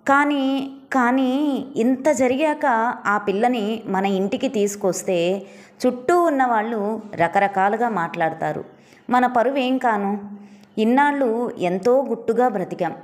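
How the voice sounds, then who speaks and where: A woman reading the lines of a proud middle-aged mother, stern and sharp with her son yet grieving, in a storybook. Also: a little high, measured pace, long pauses, natural voice. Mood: sorrowful. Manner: stern, sharp, turning tearful.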